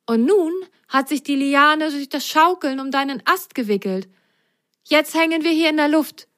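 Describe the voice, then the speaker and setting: Woman doing a bright, adventurous little sock. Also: sits high, moderate pace, voice pushed up. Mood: polite.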